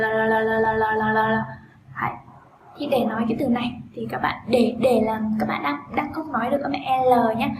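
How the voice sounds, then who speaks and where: A woman teaching a pronunciation lesson, explaining patiently and drilling sounds in loud, repeated bursts. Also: high-pitched. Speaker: English teacher. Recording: echoey room with steady background noise.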